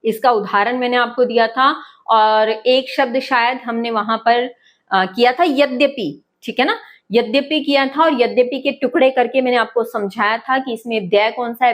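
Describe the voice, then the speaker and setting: High-voiced woman teacher quizzing herself. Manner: patient, keeps asking and answering her own questions. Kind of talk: classroom-style lesson explaining letters step by step.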